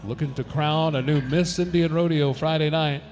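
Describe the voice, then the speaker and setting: A man's voice: a little high, normal speed. A man announcing a rodeo live, calling the runs with rising energy and reading sponsor and event notices. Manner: energetic, swells to shouts on runs.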